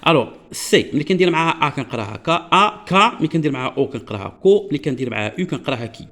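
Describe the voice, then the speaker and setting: A man's voice: fairly high pitch, expressive, a bit bright. Patient Moroccan man teaching a lesson. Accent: Moroccan Arabic. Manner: patient, repetitive, checks understanding often; spells out and slowly repeats example words. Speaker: French teacher. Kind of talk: classroom-style lesson explanation.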